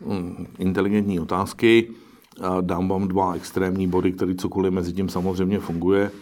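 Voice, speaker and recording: A man's voice: deep voice, level tone, a little mellow. A middle-aged man answering interview questions as an investor, talking in a pragmatic, musing way with frequent restarts. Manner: pragmatic, musing, self-correcting.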